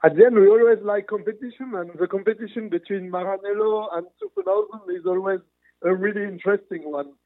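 A man's voice: high-pitched, big pitch swings, brisk, no echo. A man, a motorsport manufacturer executive, answering interview questions earnestly over a remote line, restarting phrases as he searches for words. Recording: tinny phone-like remote line.

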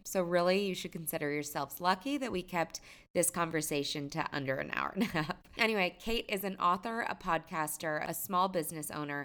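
Female podcast host, low register, chatty and friendly, informal talk. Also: fairly bright tone. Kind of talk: casual podcast introduction and chat.

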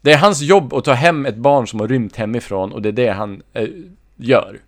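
A man co-hosting a podcast, musing about a film in a relaxed, casual way. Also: mid-range voice, dry recording, clean studio sound. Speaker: podcast co-host.

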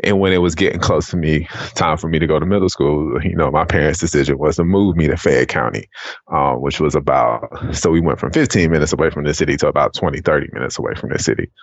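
An American man from the Atlanta area, Georgia, appears as a podcast guest and founder of an education non-profit. His bass voice moves at a quick pace as he tells personal stories casually and meanderingly, full of conversational tags, with muffled, roomy sound.

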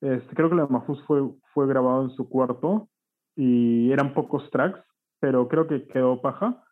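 A man, working as a mixing engineer, recalls his projects in a relaxed, slangy way and often ends his points with a question tag. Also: mid-range voice, moderate pace. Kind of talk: casual recollection. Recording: tinny phone-like line.

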